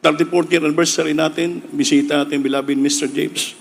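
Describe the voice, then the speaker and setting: A man's voice: a little high, flat delivery, brisk, creaky, in a large hall. A man with a Filipino accent preaching a midweek sermon, telling a story and acting out the people in it. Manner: storytelling, shifting into dramatic quoted voices. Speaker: pastor preaching.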